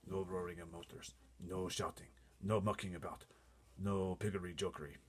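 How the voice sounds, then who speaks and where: A man voicing a gentle, calm giant in a storybook readaloud, speaking unhurriedly in quaint, muddled grammar. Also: low-pitched, a little hiss or hum, lightly acted. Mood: cautious, hushed. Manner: hushed, unhurried, quaintly ungrammatical.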